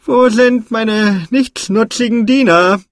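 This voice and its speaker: A man's voice: high voice, slow pace, no room sound, studio quality, voice pushed up. Man putting on a vain goblin king. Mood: boastful. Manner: boastful, haughty, snappish. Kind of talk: storybook reading.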